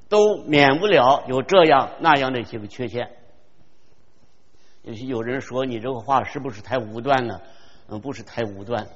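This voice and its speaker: An older man preaching a sermon, earnest and storytelling, slowing down to stress key phrases, in a dull recording with long hall reverb. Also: mid-range voice.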